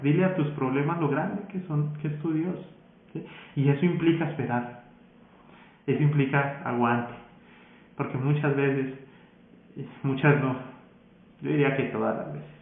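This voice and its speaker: A man's voice: medium pitch, heavy reverb, narrow, tinny audio. A male pastor with a Colombian Spanish accent preaching a sermon in a conversational way, often checking in with the congregation. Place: church sanctuary.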